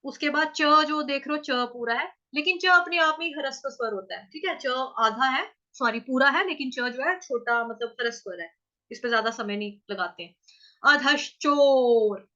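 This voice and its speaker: A woman teaching verse pronunciation in an online class, patiently sounding out each syllable slowly. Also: high voice, pushed and bright, muffled recording. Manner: patient, drawn-out syllable-by-syllable demonstration. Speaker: Sanskrit recitation teacher.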